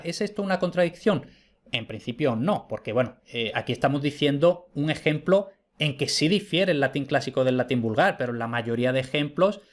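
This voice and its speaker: A man delivers a slide lecture in a somewhat high voice. He explains patiently, repeating key points and checking in with his listeners. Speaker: teacher.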